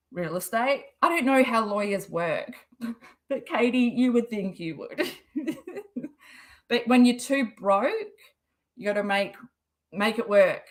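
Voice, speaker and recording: Australian woman, livestream host, sarcastic casual commentator. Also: mid-range voice. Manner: chatty, sarcastic, laughs often.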